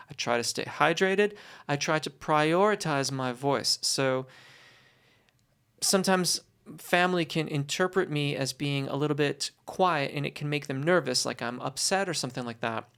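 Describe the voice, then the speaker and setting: A voice teacher answering questions in a conversational, explanatory way, with encouraging, reassuring and deliberate, articulate phrasing. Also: mid-range voice, gravelly, a bit bright, clean tone.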